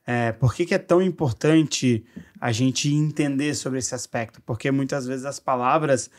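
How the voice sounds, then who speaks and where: A man's voice: mid-range voice, normal speed. A man co-hosting a podcast, explaining in casual chat and acting out playful examples. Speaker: podcast co-host.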